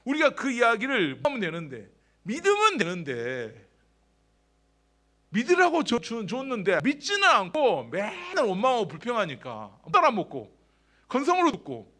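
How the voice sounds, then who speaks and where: Man, pastor, church sermon, high voice, very animated pitch, rhetorical questions, loud and soft swings. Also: moderate pace. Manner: conversational preaching with frequent rhetorical questions to the congregation; swings between loud emphatic lines and soft low asides.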